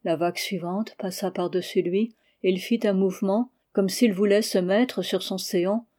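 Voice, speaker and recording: A woman reading a novel aloud as steady scripted narration, lifting her voice for the shouted lines. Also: moderate pace. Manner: steady reading, louder and higher for quoted cries. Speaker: audiobook reader.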